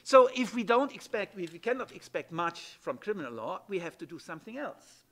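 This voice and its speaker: High-voiced man giving a talk. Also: sing-song, brisk, fairly bright tone. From Germany. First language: German. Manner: emphatic, with frequent "yeah?" and "uh" restarts. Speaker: speaker at a panel side event. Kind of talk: spoken conference talk.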